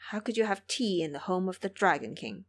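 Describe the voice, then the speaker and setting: A woman voicing a pious, gloomy male monk in an audio drama, plaintive and gently scolding. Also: lowish voice, sing-song, brisk. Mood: reproachful. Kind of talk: audio drama character acting.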